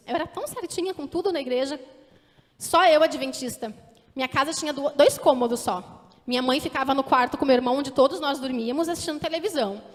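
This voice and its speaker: A Brazilian woman in her thirties, a teacher, giving an earnest sermon testimony and asking the congregation direct questions. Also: high-pitched. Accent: Brazilian Portuguese. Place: church hall. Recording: echoey hall with long reverb.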